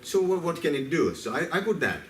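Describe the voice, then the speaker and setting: Speaking in a slightly high voice, this Indian seminar presenter is very animated and brisk as he tells stories, quizzes the live audience, and acts out his cells. He is recorded from afar in a roomy meeting hall, with faint ambience and slight background noise.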